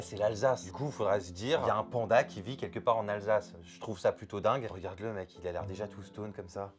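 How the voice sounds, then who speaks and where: A man performing an absurd comedy sketch in his bedroom, talking to a friend who films him in a slangy, excitable way. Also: lowish voice. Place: bedroom at home.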